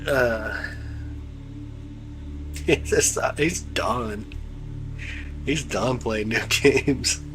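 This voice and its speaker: A man's voice: medium pitch, very slow, pauses often, fairly bright tone, faint music behind, rough recording. A man hosting a live telescope stream, chatting casually with viewers in a laid-back, slangy way, his voice stuffed up from congestion. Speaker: livestream host of telescope views.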